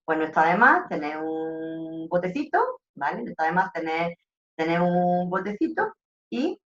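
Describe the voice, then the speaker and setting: Animated Andalusian woman teaching. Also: fairly low pitch, a little slow, lo-fi sound. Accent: Andalusian Spanish. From Andalusia, Spain. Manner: talkative, animated teacher, repeats herself. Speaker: customer service trainer. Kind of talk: online lecture.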